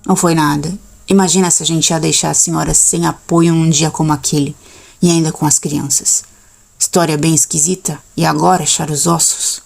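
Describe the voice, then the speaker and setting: Chatty older innkeeper with a thick Gaúcho accent, low gravelly tone, read by a woman narrator. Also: level tone, fairly quick. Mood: reassuring. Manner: friendly, chatty. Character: cheerful older male country innkeeper.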